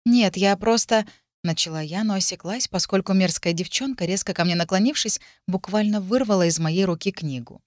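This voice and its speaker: A woman reading her own book aloud, telling the story in a steady, measured way. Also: fairly low pitch, no echo, clean studio sound. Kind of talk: audiobook narration.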